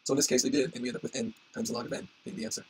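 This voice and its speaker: A man giving an informal tutorial as an instructor, with a husky, strained voice that is giving out. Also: mid-range voice, big pitch swings, racing, slight background noise, low-quality recording. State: losing his voice, hoarse. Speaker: instructor explaining algorithm analysis.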